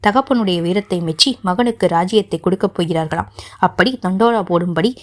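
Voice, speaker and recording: A woman narrating an audiobook, voicing a proud king and father who speaks with mocking sarcasm in a fairly low voice. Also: a little fast, close to an everyday voice. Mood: sarcastic.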